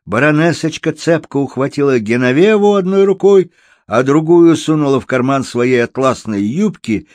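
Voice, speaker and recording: A man narrating a story aloud, lively and slipping into voices for the characters. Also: mid-range voice, no echo, studio quality. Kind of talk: storybook reading.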